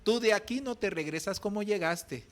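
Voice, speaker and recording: A man voicing a strict male pastor with a military manner who scolds loudly, with a Mexican Spanish accent, in a church sermon. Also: high-pitched, moderate pace, pitched above the performer's own voice. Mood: stern. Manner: loud, sharp, demanding scolding.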